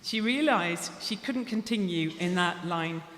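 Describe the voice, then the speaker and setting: A woman's voice: on the low side, a little slow, fairly bright tone, slight background noise. A woman giving a formal, scripted podium speech as an orator at a graduation ceremony. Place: large ceremony hall, amplified podium. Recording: echoey hall with long reverb.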